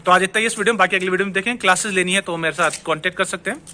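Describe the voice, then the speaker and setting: A man's voice: high-pitched, rapid-fire, sharp tone, slight background noise. A man teaching Spanish pronunciation in an online lesson, explaining step by step and answering his own questions. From India.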